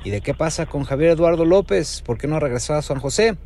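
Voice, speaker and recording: A man's voice: a little high, animated, a little fast, warm tone. A man with a Mexican accent giving a short sports news preview. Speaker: sports reporter. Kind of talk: news preview with teasing questions.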